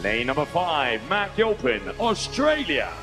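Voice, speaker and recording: A man working as a stadium announcer, calling out competitors in drawn-out, sing-song phrases in a large arena. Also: high voice, very animated, vocal fry. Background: loud music.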